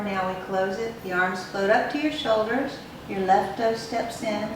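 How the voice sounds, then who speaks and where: A woman leading guided tai chi as an instructor, giving step-by-step movement directions in unhurried, measured phrases. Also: mid-range voice. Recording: very echoey room, distant mic, music behind.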